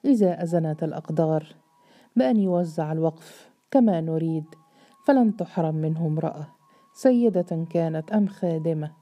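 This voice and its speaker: A woman voicing a calm, kindly man who leads his household and speaks in a quiet, gentle, reassuring way. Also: sits low, normal speed.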